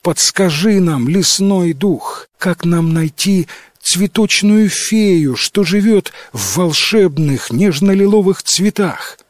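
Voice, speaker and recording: A man's voice: high voice, animated, slow pace, no room sound, voice pushed up. A man voicing a brave young woman in a storybook reading, pleading earnestly and politely.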